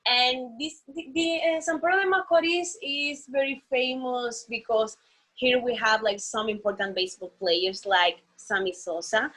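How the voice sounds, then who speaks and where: A woman's voice: fairly high pitch, steady tone, moderate pace, a bit bright. A woman from the Dominican Republic speaking English with a Dominican Spanish accent, chatting casually as an interview guest over a video call, leaning on "you know" and "like.". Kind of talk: casual chat. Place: San Pedro de Macorís.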